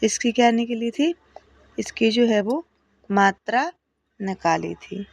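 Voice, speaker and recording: Slow gravelly woman drilling phonics. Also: a little high, animated, no echo. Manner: patient, stresses each drilled word loudly. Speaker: English teacher. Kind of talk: phonics lesson, drilling word lists.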